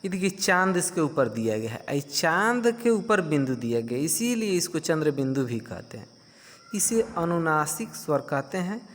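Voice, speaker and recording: A man's voice: a little high, very animated. A male teacher giving a grammar lesson to children, patiently asking questions and answering them himself. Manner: slow, patient explaining. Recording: long hall reverb.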